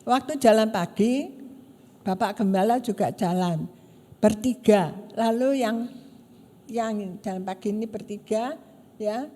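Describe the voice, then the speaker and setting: A woman pastor preaching a sermon in a church and telling stories with animated, acted-out voices. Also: mid-range voice, unhurried. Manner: animated storytelling, acting out quoted voices. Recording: long church-hall reverb.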